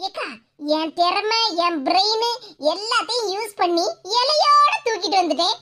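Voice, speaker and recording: A woman voicing a shrill greedy cartoon sister. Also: lively intonation, normal speed. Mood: smug. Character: greedy cheeky young woman, bossy sister. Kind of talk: cartoon comedy voice acting. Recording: loud hiss behind voice.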